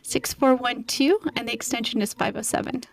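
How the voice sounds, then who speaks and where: A woman's voice: fairly high pitch, steady tone, a little fast, vocal fry, rough recording. A woman from Portugal, a nonprofit program coordinator, explaining at length and earnestly in a radio interview, with many fillers.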